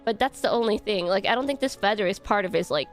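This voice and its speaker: A woman's voice: medium pitch, fast talker. A young woman chatting casually as she ranks game outfits, rambling with lots of fillers and little giggles. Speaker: content creator. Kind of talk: casual ranking commentary. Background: soft background music.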